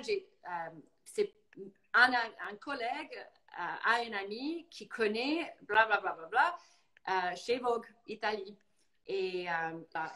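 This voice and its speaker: A woman from Boston with an American English accent, talking casually as a guest and telling stories in lively fashion, slipping into English now and then. English is her first language. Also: mid-range voice, rough recording. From Boston, United States. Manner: animated storyteller, mixing in English words. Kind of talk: casual live talk.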